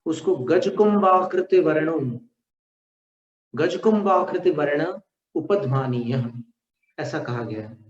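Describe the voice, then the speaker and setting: A man teaching a slow lesson on pronunciation, demonstrating sounds syllable by syllable. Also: on the high side, darkish tone. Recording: echoey room, dull lo-fi sound.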